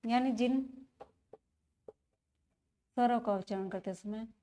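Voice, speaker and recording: A woman's voice: fairly high pitch, slow pace, mellow. A woman teaching a grammar lesson, repeating key terms and asking rhetorical questions as she explains. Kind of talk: classroom-style lesson.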